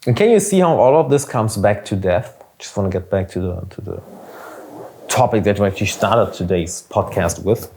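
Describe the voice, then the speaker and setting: This young man with a German accent, a business coach, hosts a casual motivational podcast, speaking earnestly and emphatically and swearing now and then. His voice is fairly low and a little mellow, with lively intonation at a normal speed, and there's slight background noise.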